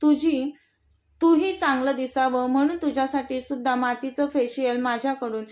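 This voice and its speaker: Brief: a woman reading a hot-tempered young wife, scolding, high voice, dull lo-fi sound. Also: fairly even intonation, moderate pace, darkish tone, close to an everyday voice. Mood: indignant. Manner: indignant, scolding. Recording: dull lo-fi recording.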